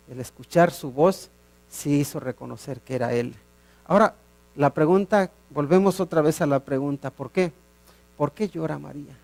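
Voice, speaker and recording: Spanish-speaking man preaching, somewhat high voice. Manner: explains Bible passages with rhetorical questions, swings loud and soft. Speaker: pastor. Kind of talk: sermon.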